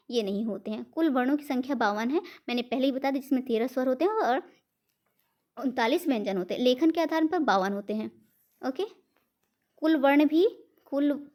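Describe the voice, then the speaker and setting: A woman with an Indian accent teaches an exam-prep grammar lesson in a fairly high voice. She lays out each point step by step, poses questions and answers them herself. She slips English words into her explanations. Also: darkish tone.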